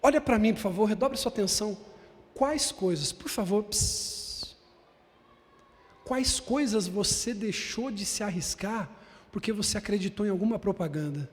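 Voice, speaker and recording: A man with a high-pitched voice preaching a sermon in a church, hammering his lines through emphatic repetition. His voice rings out with the long reverb of a big hall, and he keeps turning to the congregation as brother. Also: moderate pace. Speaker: bishop preaching.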